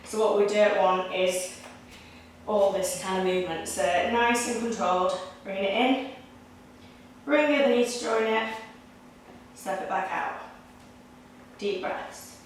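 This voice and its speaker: A young woman leading a Pilates workout, giving steady, encouraging step-by-step cues. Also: mid-range voice, measured pace, pauses often, distant mic, a little hiss or hum. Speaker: Pilates instructor. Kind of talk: guided exercise instruction. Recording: echoey room, voice picked up from afar.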